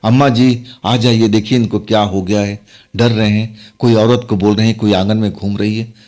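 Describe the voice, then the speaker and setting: A man's voice: lowish voice, flat delivery, moderate pace, a little mellow, natural voice. A man voicing a young wife who is puzzled and worried, in a spoken horror story. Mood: alarmed.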